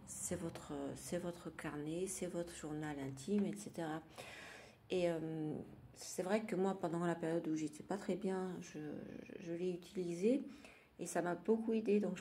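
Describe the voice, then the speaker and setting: Woman vlogger, casual and gentle, low mellow voice, hesitant delivery. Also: slight background noise. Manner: gentle, hesitant, with many fillers. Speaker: vlogger presenting her daily routine. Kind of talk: casual chat.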